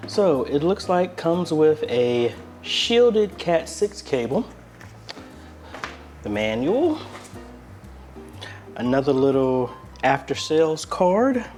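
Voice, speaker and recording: An American man hosts a casual unboxing review from an apartment room, thinking aloud in a conversational, unscripted way; he is a video host and part of a church media ministry. His voice is fairly high and a little mellow, with big pitch swings, a slow pace, and frequent pauses. Soft music plays behind him.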